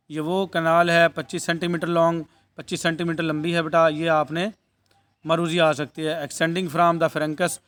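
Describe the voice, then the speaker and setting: Man teaching slowly, then explaining fast. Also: fairly high pitch, fairly bright tone, smooth. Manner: reads English lines slowly, then explains quickly, often calling students "beta". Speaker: nursing course teacher. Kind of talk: bilingual lecture, reading English text and explaining it.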